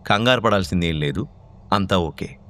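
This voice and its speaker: A man voicing a calm, curt male doctor with a suspicious edge. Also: low-pitched, moderate pace, voice pushed down. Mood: reassuring.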